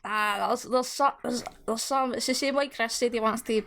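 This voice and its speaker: A woman's voice: a little high, fairly even intonation, normal speed, a bit bright. A woman with a Glasgow street accent chatting casually in a blunt, sweary way. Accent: Glaswegian Scottish. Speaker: podcast panellist. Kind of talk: casual chat. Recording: noisy room recording.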